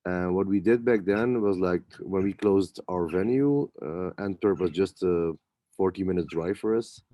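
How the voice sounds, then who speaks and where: A man, a club promoter, answering interview questions in a relaxed way with many pauses and restarts. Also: deep voice. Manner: hesitant, many fillers and restarts. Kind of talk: casual interview talk.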